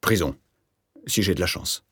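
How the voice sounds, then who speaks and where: Man voicing a anxious middle-aged rentier, agitated, defensive, husky, dry audiobook sound. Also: a little slow, fairly bright tone, dry recording, full character voice. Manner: agitated, defensive, raised pitch. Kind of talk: audiobook character voice.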